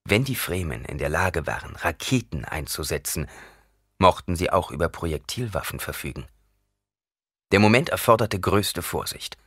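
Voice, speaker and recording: A man reading an audiobook aloud in an expressive, dramatic narration. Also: sits low, normal speed, husky, dry recording, studio quality. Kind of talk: scripted narration.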